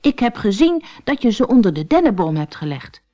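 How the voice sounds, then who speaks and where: A woman's voice: very animated, a little fast, highs cut off. A woman voicing a small, worried young male stoat in a children's storybook, anxious and pleading. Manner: anxious, pleading, high and bright.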